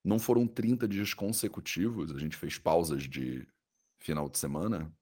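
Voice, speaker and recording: A Brazilian man teaching and guiding a meditation in a calm, soothing, unhurried way with pauses. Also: sits low, slightly rough. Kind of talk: guided meditation.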